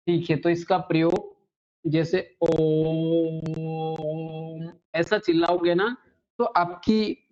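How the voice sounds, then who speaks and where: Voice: medium pitch, darkish tone. Teacher repeating definitions, dull lo-fi sound. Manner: asks the class questions and answers them himself; repeats each definition slowly several times. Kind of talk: classroom lecture on grammar.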